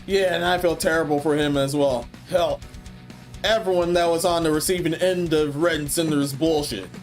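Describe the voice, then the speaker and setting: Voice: medium pitch, fairly even intonation, normal speed, faint music behind. Tired, blunt commentary host. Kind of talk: casual commentary.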